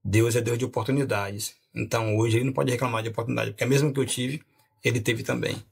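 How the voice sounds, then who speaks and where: Gravelly-voiced pastor telling his story. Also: medium pitch, fast talker. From Rio de Janeiro. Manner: animated storyteller, laughs often. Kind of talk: podcast testimony storytelling.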